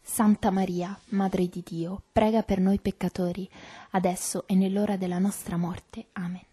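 A woman leading a recited rosary prayer in a soft, even, devotional way. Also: mid-range voice, moderate pace, husky. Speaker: prayer leader.

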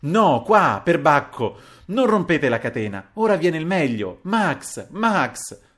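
A man reading aloud and voicing an excitable older man who leads a séance with eager, exclamatory speech. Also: medium pitch, normal speed. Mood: ecstatic.

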